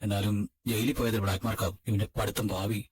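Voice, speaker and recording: A man's voice: fairly low pitch, fairly even intonation, slightly rough. A man dubbing an earnest protective big brother. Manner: rapid, earnest persuading. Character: protective elder brother figure, earnest and worried. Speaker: dub voice actor. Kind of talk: fan dub of a TV serial.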